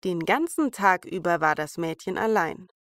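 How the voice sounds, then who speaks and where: A woman's voice: on the low side, animated, normal speed, fairly bright tone, no echo, clean studio sound. A woman storyteller reading a German fairy tale aloud as a bedtime story. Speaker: podcast storyteller.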